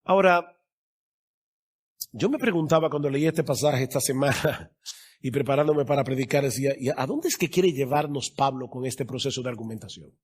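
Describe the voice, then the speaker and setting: A male pastor preaching a sermon, stressing key words by slowing down and growing louder. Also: medium pitch, slightly rough.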